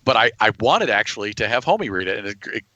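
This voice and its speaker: A man talks casually as a podcast host. His voice sits a bit low but has a bright, forceful edge. The recording is dry and close. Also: very animated, fast, dry recording, highs cut off. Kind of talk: casual chat.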